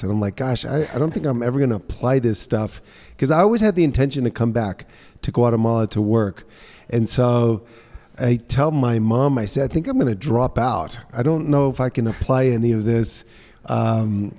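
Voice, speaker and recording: A man in his fifties, raised in the United States, telling stories in a relaxed, chatty way as a guest in an interview in a co-working space. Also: medium pitch, moderate pace, in a large hall. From United States (grew up in New Orleans). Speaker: guest, entrepreneur. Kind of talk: casual interview conversation.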